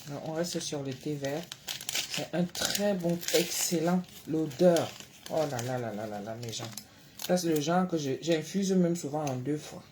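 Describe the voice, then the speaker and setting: A woman hosting a late-night live stream from home, reading out viewers' names and answering them, swinging between soft murmurs and loud exclamations. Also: low voice, a little slow, heavy background noise. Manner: reads out and answers viewers by name. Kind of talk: casual live-stream chat. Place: her home at night, indoors.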